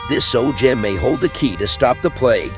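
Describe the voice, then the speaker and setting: Background music plays as a man roleplays his player character, a cold, vengeful, haughty elven supremacist mage who distrusts everyone and hates the Empire. His medium-pitched, natural voice has lively intonation, yet he speaks deliberately and warily through scripted fantasy narration and dialogue.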